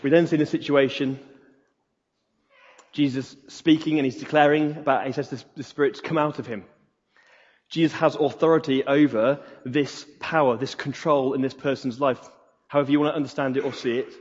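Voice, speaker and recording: A man's voice: mid-range voice, fairly even intonation, fairly quick, slightly rough. A man preaching a sermon in an earnest way, repeating key phrases for emphasis. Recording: reverberant hall, dull lo-fi sound.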